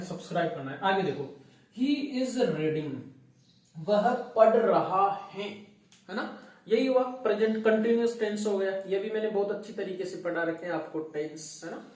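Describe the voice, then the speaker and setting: A man's voice: high-pitched, a little mellow. A man teaching English grammar, calling his viewers dear children and answering his own questions as he goes. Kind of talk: classroom lesson to students. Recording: very echoey room, voice from far off.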